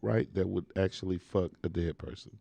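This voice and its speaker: Laid-back low-voiced male host. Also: steady tone, normal speed, vocal fry, warm tone. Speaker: podcast host. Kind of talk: casual podcast banter.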